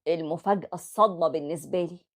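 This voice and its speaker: A woman's voice: sits low, very fast. A woman with an Egyptian accent narrating a first-person story, confiding in listeners. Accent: Egyptian Arabic. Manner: confiding, addresses listeners directly.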